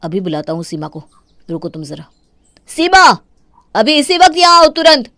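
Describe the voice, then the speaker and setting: A woman voicing an angry young man who scolds and shouts at his wife for his mother's sake in a cartoon. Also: sits low, flat delivery, fairly quick, gravelly, dry recording, clean studio sound. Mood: scolding.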